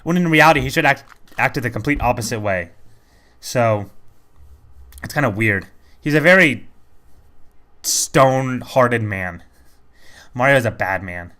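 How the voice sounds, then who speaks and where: A man's voice: medium pitch, lively intonation, unhurried, pauses often, bright, forceful tone. A man giving casual, rambling commentary over a video game playthrough, chatty and self-critical. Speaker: let's play commentator.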